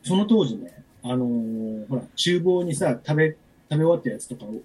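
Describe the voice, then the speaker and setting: A man's voice: medium pitch, expressive, normal speed, darkish tone, breathy edge. A man in his forties telling a long personal story in casual chat, with many fillers and restarts.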